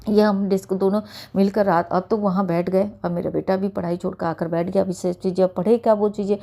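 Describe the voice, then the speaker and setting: A middle-aged woman recounts a personal experience to her spiritual community in an earnest, storytelling way. Her voice is mellow and warm, and she sits at an ordinary middle pitch. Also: flat delivery, brisk, gravelly. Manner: earnest storytelling, often addresses listeners as sangat ji. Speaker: satsang sharer. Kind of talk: personal testimony.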